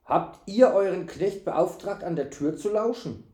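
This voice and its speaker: A man voicing a rough, gruff knight who barks harsh questions. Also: sits high, animated, unhurried, mellow, pitched above the performer's own voice. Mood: demanding. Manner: harsh and barking. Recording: echoey room.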